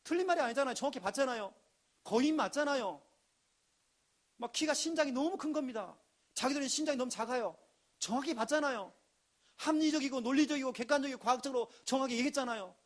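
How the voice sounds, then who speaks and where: A man preaching a sermon in a lively, emphatic way, now and then acting out quoted voices. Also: extremely high pitch, fast talker. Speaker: pastor.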